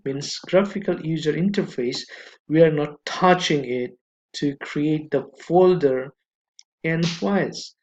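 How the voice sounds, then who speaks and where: A man teaching a beginner coding lesson over a screen recording, speaking slowly and deliberately and checking in with "okay" again and again. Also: a little high, darkish tone. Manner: slow, deliberate, repeats okay often. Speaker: coding instructor. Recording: slightly dull lo-fi mic.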